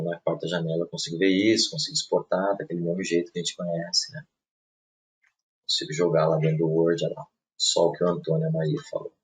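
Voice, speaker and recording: A man, casually walking viewers through software in a live webinar, speaking softly and often checking in with his audience. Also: sits low. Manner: casual, talks through clicks, many tag questions. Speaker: software trainer. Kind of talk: live webinar screen-share demo.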